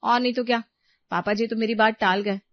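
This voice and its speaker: A woman's voice: fairly high pitch, steady tone, fairly quick, natural voice. A woman voicing a put-upon young daughter-in-law who complains and pleads in a storybook drama. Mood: complaining. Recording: dull lo-fi recording.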